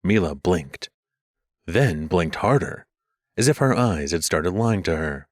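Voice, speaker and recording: A man narrating a fantasy audiobook slowly, with a fairly low voice that rises and falls a great deal. The recording is dry and close, with no room sound. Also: animated, no echo.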